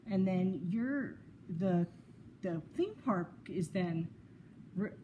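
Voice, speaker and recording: A woman co-hosting a podcast who talks in a measured way, raising questions and sharing an article. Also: on the low side, lively intonation, muffled recording, noisy background. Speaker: podcast co-host. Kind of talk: casual discussion, sharing articles.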